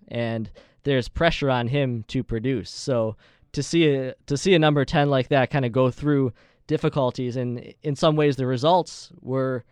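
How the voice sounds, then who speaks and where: A man's voice: mid-range voice, moderate pace, clear, resonant tone, no echo. A man hosting a sports show, talking conversationally through interview questions and soccer commentary in a wordy way.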